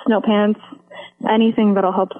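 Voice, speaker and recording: A woman's voice: mid-range voice, level tone, measured pace. A young woman from the Midwest on the phone, earnestly answering a radio interview about her charity drive. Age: young adult. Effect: over the phone. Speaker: charity organizer guest. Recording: tinny phone line.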